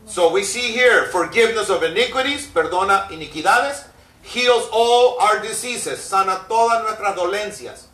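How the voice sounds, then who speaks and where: High-voiced emphatic bilingual pastor. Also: male voice, measured pace, a bit bright. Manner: emphatic, repeats each phrase in Spanish and English. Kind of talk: bilingual sermon, translating himself line by line. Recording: echoey hall, mic far off.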